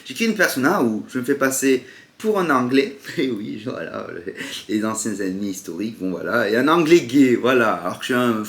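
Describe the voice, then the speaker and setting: A man's voice: medium pitch, lively intonation, a little fast, a bit bright. Southern french guy rambling, sarcastic vlog rant, roomy echo. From southern France. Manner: sarcastic, rambling, jumps into mock voices. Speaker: vlogger. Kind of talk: casual monologue to camera.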